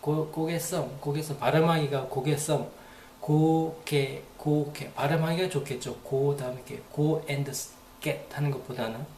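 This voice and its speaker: A man's voice: on the high side, fairly even intonation, slow pace, darkish tone, roomy sound, a little hiss or hum. A man giving a casual, rambling spoken lesson, repeating phrases aloud to demonstrate them. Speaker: English teacher.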